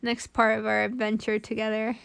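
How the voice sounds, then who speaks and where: A woman's voice: on the high side, monotone, brisk, gravelly, a bit bright, clean tone. A woman co-hosting a casual chat about a movie, laughing often and teasing her co-host. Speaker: podcast co-host.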